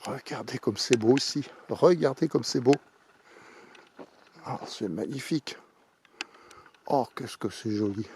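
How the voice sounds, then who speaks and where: A man out of breath, giving casual walking tour commentary outdoors at a mountain fort, exclaiming over the views and talking loudly over the wind into a camera mic. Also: medium pitch, a little slow, long pauses. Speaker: vlogger touring a fort. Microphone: handheld camera mic.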